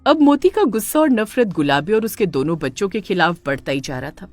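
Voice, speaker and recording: A woman giving scripted, expressive narration for a cartoon story. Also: on the low side, fairly quick, faint music behind.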